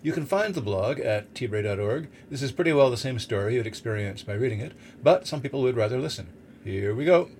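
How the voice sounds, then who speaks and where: A man's voice: medium pitch, lively intonation, a little fast, darkish tone. Man reading on a boat, background noise. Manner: explanatory, opinionated, with occasional rhetorical questions and asides. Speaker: blogger reading own articles as podcast host. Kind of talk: reading a written article aloud. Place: on a boat in a snowstorm. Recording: clear background heater noise aboard boat. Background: background noise of boat heating.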